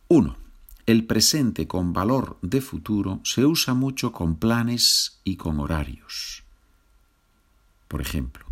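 A man teaching a Spanish grammar lesson, speaking patiently, repeating each example and checking in with the learner. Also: deep voice. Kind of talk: slow, clear grammar lesson.

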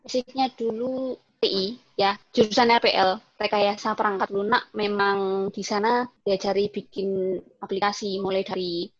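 A vocational school teacher in her twenties from Malang, East Java, tells her story as a guest in a casual interview, chatting away and mimicking her own past thoughts. Her mid-range voice is fairly even in intonation at a moderate pace. The recording is dry and lo-fi.

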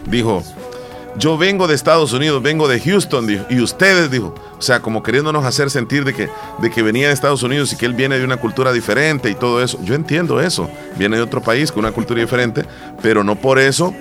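A man co-hosting a casual talk show, telling a story with lively quoted lines and frequent restarts. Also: mid-range voice, quick pace, over music. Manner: animated storytelling, acts out quotes, many restarts. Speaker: co-host. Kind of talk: casual chat.

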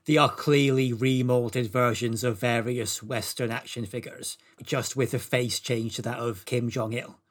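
A man lays out ridiculous facts with a straight, deadpan delivery, as if reading from notes. His voice has a middling, ordinary pitch. His timing stays dry and unhurried. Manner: deadpan, reads prepared facts evenly. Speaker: co-host presenting the topic. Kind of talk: deadpan comedic explainer.

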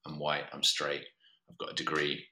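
Male, modern Southern English accent, bright forceful edge on a very deep voice, measured personal storytelling. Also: monotone. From Australia. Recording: roomy, echoey sound.

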